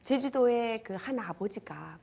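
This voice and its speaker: A woman's voice: fairly high pitch, animated, a little slow, creaky, warm tone. A woman giving a lecture on character education to a live audience, getting them to repeat after her and dropping to a whisper for emphasis. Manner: leads call-and-response with the audience.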